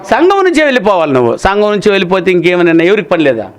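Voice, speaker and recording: High-voiced, animated male pastor. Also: racing. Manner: animated, rhetorical questions, addresses listeners as "nayana". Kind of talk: sermon.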